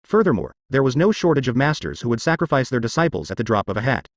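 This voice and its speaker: A man narrating a fantasy audiobook in an even, steady reading. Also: medium pitch, quick pace, no echo, studio quality.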